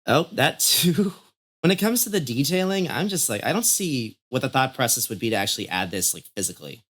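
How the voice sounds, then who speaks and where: A man's voice: medium pitch, lively intonation, brisk, a bit bright. A man hosting a casual podcast chat. He laughs often, talks in an easygoing, playful way and tends to ramble and trail off mid-thought. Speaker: host.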